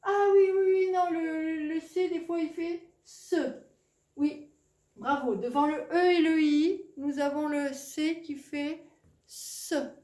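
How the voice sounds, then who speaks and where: A woman's voice: high-pitched, slow, dark tone, echoey room. A woman teaching a reading lesson to young children, patient and encouraging.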